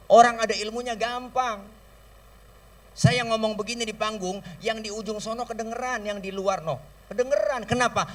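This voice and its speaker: A man with a Betawi accent giving a comic sermon from a stage, telling stories lively and mimicking sounds and voices. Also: sits high, recorded from a distance. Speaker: preacher. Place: stage at an outdoor school celebration. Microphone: stage microphone through a sound system.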